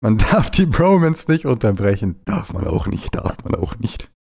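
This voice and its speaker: A man's voice: on the low side, very animated, normal speed, gravelly, darkish tone, husky. A man chatting casually on a live stream while playing a game, playful and jumpy, slipping into silly bits, with a stuffy, runny nose from a cold.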